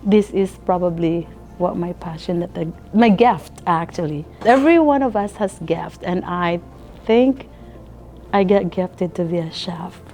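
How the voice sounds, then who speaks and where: A woman's voice: fairly low pitch, unhurried, mellow, soft background music. A middle-aged woman from the Philippines with a Filipino accent, talking earnestly in a casual interview and laughing often. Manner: earnest, laughs often, nonstandard English grammar. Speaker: restaurant owner and chef.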